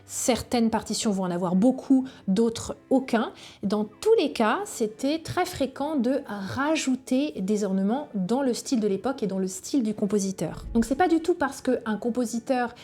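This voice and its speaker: A woman cello teacher calmly explaining a book about music, sometimes singing rhythms on a syllable. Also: fairly high pitch, moderate pace, breathy edge. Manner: calm explanatory, sings rhythms on "ta".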